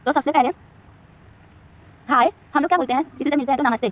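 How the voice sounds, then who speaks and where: A woman's voice: sits high, quick pace. A woman teacher with an Indian accent, explaining a lesson at a board, asking questions and answering them herself. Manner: asks and answers her own questions, repeats words. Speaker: English teacher. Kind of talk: whiteboard lesson. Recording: tinny lo-fi phone-like recording with faint hiss.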